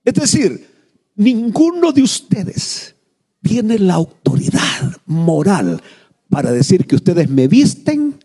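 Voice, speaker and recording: A man's voice: high voice, slow, husky. A middle-aged male pastor, preaching a sermon and telling a family story, acting out the voices and asking the congregation questions. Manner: animated storytelling, acts out quoted voices, asks the congregation questions.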